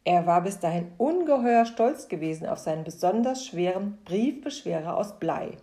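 A woman's voice: on the low side, animated, moderate pace, dark tone. Woman reading a children's story. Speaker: narrator.

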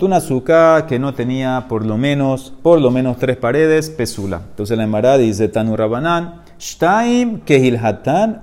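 A man's voice: medium pitch, a little mellow. A man teaching a Talmud class. He explains each step, asks and answers his own questions, and lifts his voice sharply to stress key points. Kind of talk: lecture-style Talmud class.

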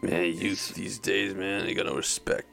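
A man's voice: low voice, level tone, a little slow, creaky, a bit bright, soft background music, heavily acted. A man voicing a grumpy character who mutters complaints about youth under his breath. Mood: grumbling.

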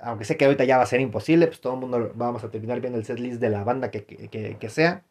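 A young adult man with a Mexican accent hosts a casual solo podcast, his middle-pitched, darkish voice racing along. He rambles and thinks aloud, restarting sentences, correcting himself and scattering slang and fillers throughout.

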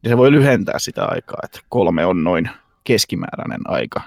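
A man runs a quiz on a casual podcast and explains answers calmly. He makes small jokes along the way. The sound is dry and close. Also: deep voice, vocal fry, no echo. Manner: relaxed, explanatory, joking. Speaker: quiz master, co-host.

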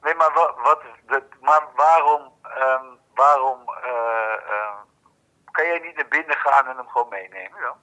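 A man's voice: mid-range voice, unhurried, pushed and bright. An older man on a phone call, answering sympathetically with short replies and stammering restarts. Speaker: father on the phone. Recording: dull lo-fi phone line.

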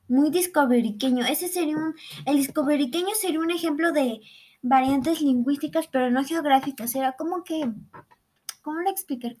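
Woman, Mexican accent, young adult, high voice, sarcastic, rambling, casual comedic monologue. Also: a little mellow.

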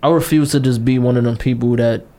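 Here a late-twenties man co-hosting a laid-back podcast speaks fast in a dark-toned, mid-range voice whose intonation stays fairly even. Passionate and blunt, he repeats himself and doesn't hold back on profanity.

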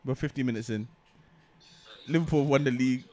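A man's voice: medium pitch, fast, darkish tone. A man with an urban London accent bantering emphatically about football, repeating phrases for effect. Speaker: football podcast panellist.

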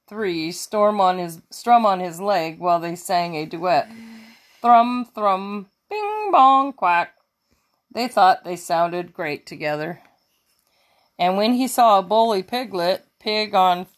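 A woman reading a children's picture book aloud, slow and expressive, now and then fixing a slipped word. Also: lowish voice. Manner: slow, expressive storytelling with small self-corrections. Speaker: children's story reader.

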